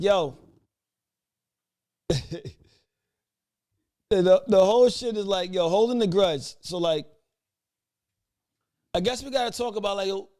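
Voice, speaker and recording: Guy cohosting a live podcast, slightly high voice, laughs a lot, curses casually reading the chat. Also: darkish tone. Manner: laid-back, laughing, profane banter.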